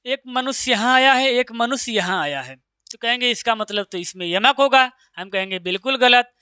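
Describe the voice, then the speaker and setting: Crisp bright male teacher. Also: very high-pitched, lively intonation, dry recording. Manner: recites verse lines slowly, quizzes with rhetorical questions. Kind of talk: exam-prep lecture.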